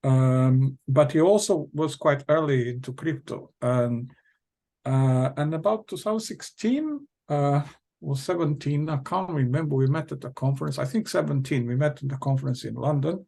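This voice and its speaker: A man's voice: fairly high pitch, normal speed, gravelly, dark tone. A middle-aged man with a Portuguese accent, a company founder talking casually as an interview guest, hesitant with many fillers and restarts.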